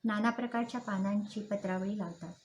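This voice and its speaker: Woman calmly narrating a classic story. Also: medium pitch, a little fast, slight background noise, poor audio. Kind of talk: reading a classic story aloud.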